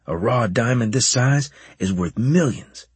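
A man's voice: medium pitch, lively intonation, a little slow, breathy edge, no echo, pitched above the performer's own voice. A man voicing a grumbling young soldier with a whiny, slightly raised voice. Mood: griping. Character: grumbling young male soldier, greedy and sulky.

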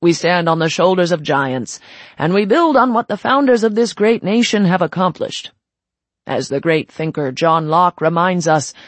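A woman's voice: fairly low pitch, no echo. A woman voicing a pompous older male secret-society leader giving a well-worn, droning speech.

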